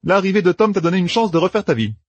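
A man's voice: high voice, sing-song, no echo, lo-fi sound, voice pushed up. A man voicing a brash young schemer who barks out plans in a raised, emphatic voice in an audiobook. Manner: bossy, emphatic, rapid-fire planning.

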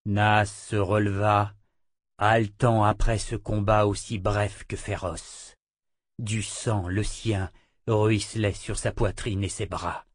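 A man narrating a dramatic fantasy novel as an audiobook, in a measured reading voice. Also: on the low side, level tone, dry recording, studio quality.

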